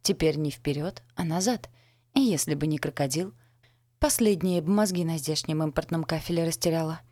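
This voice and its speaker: A woman's voice: low voice, normal speed, mellow, no echo. A woman reading a first-person novel aloud as an audiobook narrator, with a wry, ironic storytelling manner on a close mic.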